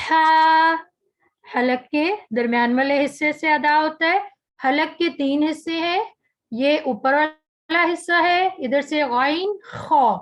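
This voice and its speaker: A woman teaching an online tajweed class, saying each letter slowly and carefully, then patiently explaining how it is made. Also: sits high, rough recording. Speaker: Quran recitation teacher.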